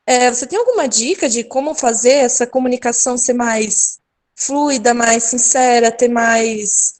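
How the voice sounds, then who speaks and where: A young woman, a student moderator on a video call, asks her question with a slightly raised voice. She pauses and searches for the right words as she goes. Her tone is casual. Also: a little high. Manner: hesitant, searching for words with fillers. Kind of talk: casual online talk.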